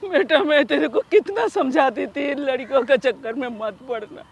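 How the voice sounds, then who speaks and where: A woman's voice: high voice, measured pace, crowd noise. A woman acting as a middle-aged mother in a drama skit, crying as she keeps repeating her questions to her son. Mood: tearful. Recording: dull lo-fi sound.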